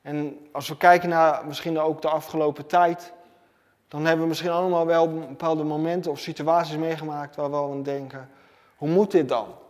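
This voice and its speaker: A man's voice: a little high, level tone, a little fast, long reverb tail. A man delivering an emphatic sermon as preacher, repeating key phrases in a preaching cadence.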